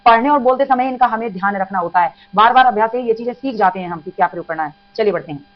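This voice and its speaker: A woman's voice: fairly high pitch, rapid-fire. A woman teaching an exam-prep Hindi grammar lesson, patiently repeating examples and addressing students as children. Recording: dull lo-fi sound with mains hum.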